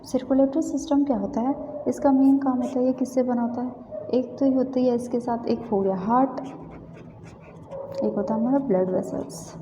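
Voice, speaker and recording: A woman's voice: on the high side, steady tone, moderate pace, dark tone. Woman teaching anatomy in an echoey room. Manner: repeats "theek hai" often, checks understanding. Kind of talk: informal lesson explaining diagrams. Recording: roomy, long reverb, dull, faint hiss.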